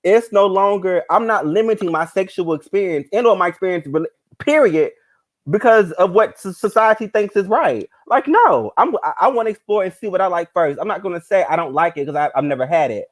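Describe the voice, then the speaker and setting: A man with a somewhat high voice talks in a relaxed podcast chat. He hesitates a lot, restarting sentences and filling gaps with "um". The pitch sits a bit above most men. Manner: halting, many fillers and restarts.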